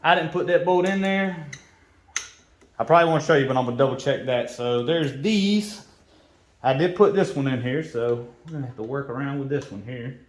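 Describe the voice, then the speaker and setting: A man explains a motorcycle install in a relaxed, hands-on way, often dropping to a near whisper as if talking to himself at work. His voice sits in the middle range. The sound bounces around a roomy garage. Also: medium pitch, normal speed. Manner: quiet, half-whispering to himself as he works. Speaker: motorcycle vlogger and mechanic. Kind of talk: casual how-to while working.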